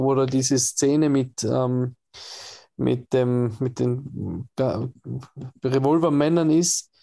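A man chats casually about a film trailer, his voice gravelly and rough at the edges. He rambles, stops and restarts, and fills gaps with hesitant sounds, at a middling pitch. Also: mellow. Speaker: podcast co-host.

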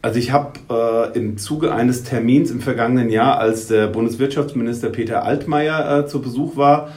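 A man of middle pitch explains things slowly as a guest on a podcast, stopping often with "er" and starting his sentences over. He speaks as a local newspaper editor. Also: a little mellow. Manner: hesitant, many ers and restarts while explaining. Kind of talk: podcast interview.

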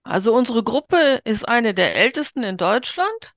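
A woman's voice: on the high side, very animated, measured pace, a bit bright, dry recording, clean studio sound. A woman guest on an interview podcast, steadily recounting a history with some hesitations. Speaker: guest, quilt group member. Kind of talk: interview answers, storytelling.

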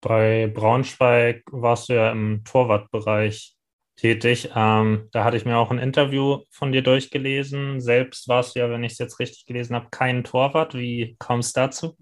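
A man hosting a podcast interview, asking questions in a calm, steady way with frequent fillers. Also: medium pitch, measured pace. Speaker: podcast host.

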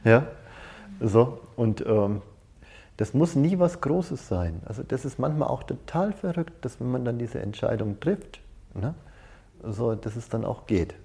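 Expressive yet unhurried, his mellow mid-range voice has some vocal fry. The talk is an informal seminar led conversationally by the man, with personal anecdotes and frequent short tag questions.

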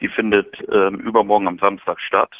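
A man on a tinny phone line, his voice a little low and close without any room sound. He chats easily and tells his story as a caller on a live show. The call comes in from a hotel room. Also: little pitch movement, fairly quick, dry recording. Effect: over the phone. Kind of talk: casual chat.

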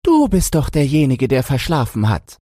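A man doing a squeaky, cheeky little pig. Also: wildly swooping pitch, moderate pace, mellow, no room sound, clean studio sound. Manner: squeaky, high falsetto, sing-song. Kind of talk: storybook reading.

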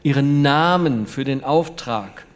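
A man's voice: medium pitch, slow, close to an everyday voice. Eager salesman, polite and hesitant, read by a man. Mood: flustered. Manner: eager, helpful tone with hesitant fillers. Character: eager, polite middle-aged male salesman.

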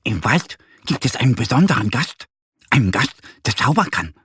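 A man voicing an excited little squirrel in a children's story, rushing out news breathlessly. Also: mid-range voice, slightly rough, no echo, clean studio sound, pitched above the performer's own voice, full character voice. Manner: rushed, breathless gossip.

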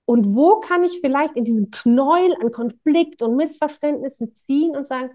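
A middle-aged woman, a business coach, telling lively and emotional stories in a casual interview and acting out quoted dialogue. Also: high voice, moderate pace.

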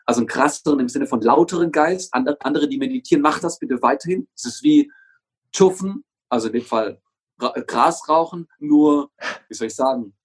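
A man's voice: a little high, fairly quick, breathy edge. A young man as an interview guest and motivational coach, talking with energy, swearing often and driving his points home by repeating them. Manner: emphatic, swears often, hammers phrases through repetition.

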